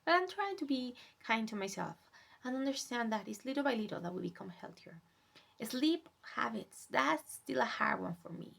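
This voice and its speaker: A young woman whose first language is Spanish, talking in a soft, gentle, reflective way in a casual self-care vlog, sometimes dropping to a whisper. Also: a little high, animated, normal speed, gravelly. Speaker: vlogger.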